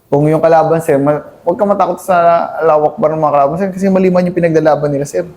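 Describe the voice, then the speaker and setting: Army guy in his 30s telling war stories, says sir every other word, kinda high pitched and soft toned. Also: fairly even intonation. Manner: deferential, says "sir" nearly every phrase; earnest, halting storytelling with many restarts. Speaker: army captain, interview guest. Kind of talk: conversational war recollection.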